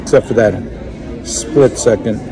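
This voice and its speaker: An older man recounting a story to his phone camera, halting and reflective, with many pauses and fillers. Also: medium pitch, music in the background, a crowd in the background. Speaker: vlogger. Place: indoors in a wood-panelled restaurant or bar. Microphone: phone held close, selfie framing.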